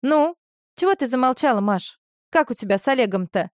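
A woman doing a lively, gossipy female friend. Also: sits high, a little fast, no echo, studio quality, pitched above the performer's own voice. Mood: chatty. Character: chatty woman friend on the phone.

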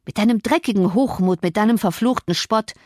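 A woman reading an audiobook, voicing a sullen, rough young man who talks gruffly and curses, in a dry recording. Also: mid-range voice, fairly quick, a little mellow, no echo, lightly acted. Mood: surly. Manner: gruff, cursing, defiant. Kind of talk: audiobook character voice.

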